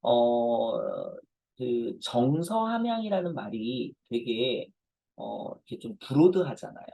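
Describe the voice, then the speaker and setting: A man's voice: mid-range voice, big pitch swings, slow pace, vocal fry, warm tone, no room sound, dull audio. A man in his forties, a professor, giving a conversational lecture to parents and telling self-deprecating stories.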